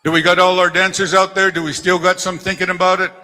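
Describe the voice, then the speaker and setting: A man emceeing a powwow, rallying the dancers with folksy, encouraging humor. His voice is slightly high and very bright and forceful. It rings out over a gymnasium PA with long reverb. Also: level tone, quick pace, faint music behind. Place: large indoor gymnasium.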